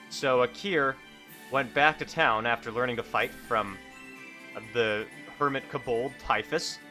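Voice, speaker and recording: A hungover man improvising casual narration as a solo game master, halting and correcting himself as he goes. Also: mid-range voice, sharp tone.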